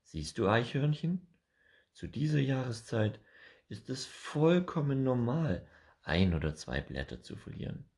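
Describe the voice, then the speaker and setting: A man doing a calm, patient blue tit. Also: medium pitch, a little slow, creaky, voice pushed up. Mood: soothing. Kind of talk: children's storybook reading.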